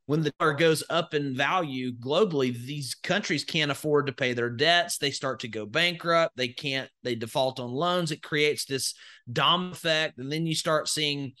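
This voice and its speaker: A man's voice: fairly high pitch, moderate pace, sharp tone. A man from Alabama with a Southern accent, a podcast guest telling his story in a folksy, rambling way with many fillers. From Northwest Alabama, US. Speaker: guest, crypto educator. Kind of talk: conversational interview.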